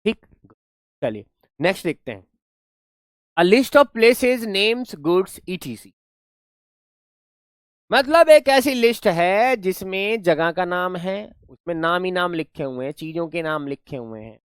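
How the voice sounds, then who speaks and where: A man's voice: sits high, expressive, takes it slowly, long pauses, smooth, no room sound, clean studio sound. A young man teaching a live online class in a playful, coaxing way, repeating words for his pupils.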